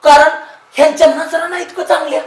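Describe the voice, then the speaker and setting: A man's voice: very high-pitched, steady tone, fast talker. An older man in a scripted comedy sketch, fussing, scolding and coaxing a younger relative. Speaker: elder relative. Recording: roomy echo.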